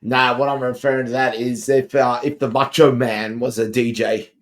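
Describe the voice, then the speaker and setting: A man's voice: medium pitch, flat delivery, moderate pace. A male podcast host chatting casually and reading news stories aloud, now and then stumbling and correcting himself.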